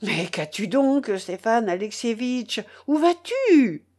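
A kindly, anxious uncle calls out in dismay, his voice climbing and dipping as he pleads for calm, voiced by a woman reading the story. He sounds flustered and exasperated rather than angry, a peacemaker in a storybook reading. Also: a little high, slow, full character voice. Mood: exasperated pleading.

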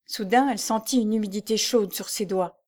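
A woman narrating an old serialized novel in a measured, suspenseful audiobook reading. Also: medium pitch, a little mellow.

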